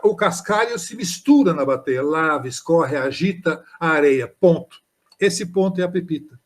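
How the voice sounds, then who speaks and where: Homem de voz aguda, falando com hesitações. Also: male voice, high voice. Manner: thoughtful, reads poems aloud slowly, frequent hesitations and "né?". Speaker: poet and author presenting his book. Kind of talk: informal literary talk on a live stream. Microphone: live stream microphone.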